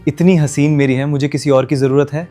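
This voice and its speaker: A man's voice: fairly high pitch, steady tone, dark tone, faint music behind. A man with a Pakistani Urdu accent, playing the teasing husband in a scripted couple vlog skit. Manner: playful teasing banter. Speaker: vlogger husband.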